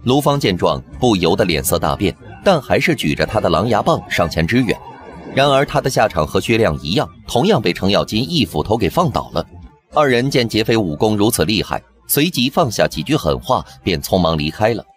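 A man narrating a period TV drama recap in a lowish voice that rises and falls vividly. His telling is brisk and scripted, with faint background music underneath. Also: big pitch swings. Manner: brisk storytelling.

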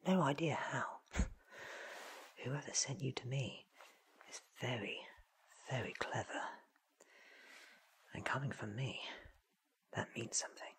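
A man's voice: medium pitch, takes it slowly, long pauses, breathy edge, heavily acted. A man whispering as the eccentric time-travelling Doctor. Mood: puzzled, curious. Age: 30s. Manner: theatrical, wordy, self-assured. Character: eccentric, curious, ancient time-travelling alien Doctor, male. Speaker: ASMR roleplay performer. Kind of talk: whispered ASMR roleplay. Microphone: close sensitive microphone.

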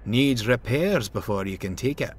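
A man's voice: medium pitch, lively intonation, normal speed, slightly rough. A man doing a terse engine. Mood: matter-of-fact.

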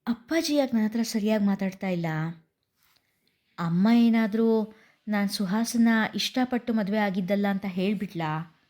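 A woman's voice: mid-range voice, a little slow, pauses often, lightly acted. A woman voicing a bitter, resentful young wife in a spoken story. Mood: worried. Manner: sharp, resentful.

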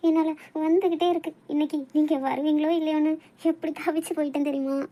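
Cartoon drama: a woman playing a frightened young wife, high and soft-toned, tearful and pleading. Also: level tone, quick pace, natural voice. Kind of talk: amateur cartoon voice acting.

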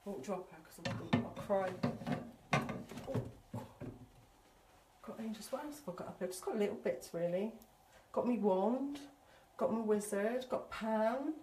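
A woman working as a psychic medium, giving a chatty, excitable spirit reading on a live stream and calling her viewers sweetie. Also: medium pitch, unhurried, pauses often, noisy background.

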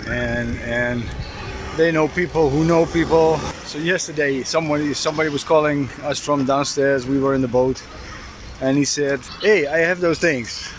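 A middle-aged sailing vlogger chats casually and explains a DIY job outdoors at a harbor boatyard and on his boat's deck. He films on a handheld camera held at arm's length, so the recording is noisy, with outdoor sound and an ambient rumble.

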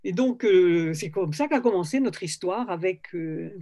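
Brief: older woman, French publisher, warm mellow voice, animated storyteller full of restarts. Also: on the low side, a little slow. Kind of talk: storytelling interview.

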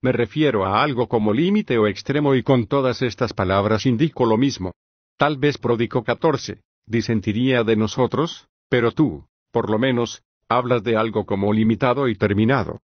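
A male reader voicing Socrates, an older patient philosopher, reading in an even, measured way with long reasoned questions. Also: medium pitch, no echo, dull audio, natural voice. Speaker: audiobook reader. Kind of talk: scripted audiobook reading of a philosophical dialogue.

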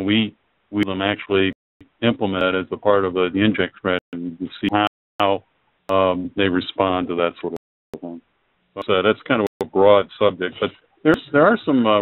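A man's voice: sits low, no room sound. A man on a webinar panel, explaining at length with many fillers and restarts. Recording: phone-line audio.

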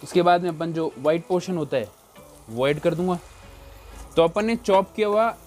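A male cooking show chef with a fairly high but darkish-toned voice speaks at a moderate pace while faint music plays. He gives a casual, chatty recipe demonstration, repeating himself and often saying "look here" as he goes through each step.

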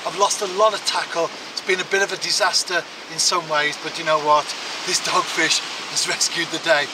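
A man's voice: fairly high pitch, little pitch movement, normal speed. A man in his forties vlogging outdoors on a beach, talking to the camera in a chatty way with rhetorical asides to the viewer. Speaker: angling vlogger. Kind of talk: casual to-camera vlog. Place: outdoors on a beach and sea rocks. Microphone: handheld camera close to face. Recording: outdoor recording with loud surf noise. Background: surf and waves.

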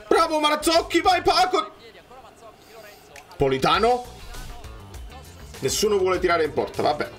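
A young man reacting live to a football match, cheering players and shouting at missed chances. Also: high voice. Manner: excitable, swings from muttering to shouting at plays.

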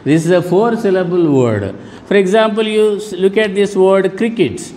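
A man's voice: sits high, moderate pace, darkish tone, big-room sound. A man teaching an online lesson to schoolchildren, patiently repeating and rephrasing words. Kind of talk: online classroom lesson for children.

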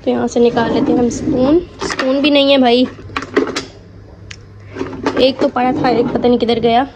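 A woman's voice: fairly high pitch, flat delivery, normal speed, background noise. A young woman chatting casually to her viewers at home, explaining things step by step as a mother and vlogger. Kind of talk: casual home vlog chat.

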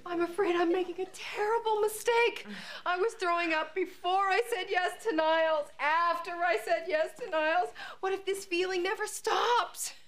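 A middle-aged actress playing an anxious, self-absorbed, dramatic bride in a sitcom. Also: female voice, very high voice, steady tone, normal speed, a bit bright. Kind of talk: broad sitcom acting. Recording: very noisy sitcom soundtrack.

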